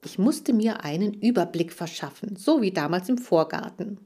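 A woman reading a children's story aloud as the audiobook narrator, with a lively, expressive delivery. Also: mid-range voice, normal speed, husky.

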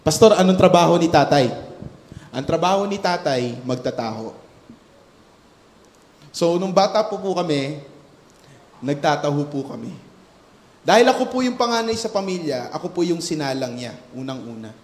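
A man's voice: fairly high pitch, animated, moderate pace, long pauses, a little hiss or hum. A pastor preaching a sermon, telling a story of his childhood and rising into emphatic preaching, mixing English into Tagalog. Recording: echoey hall with faint music.

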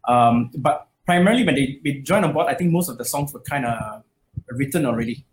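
Expressive and a touch quick, this medium-pitched male voice belongs to a Malaysian metal musician chatting informally in an interview. He wanders with many fillers and restarts, and the echoey room carries faint noise.

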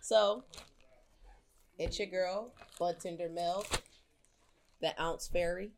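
Playful budtender woman, teasing hype-up call, a touch low, faint hiss behind. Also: fairly even intonation, takes it slowly. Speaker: dispensary budtender announcing a prize. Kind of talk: phone call announcing a raffle winner.

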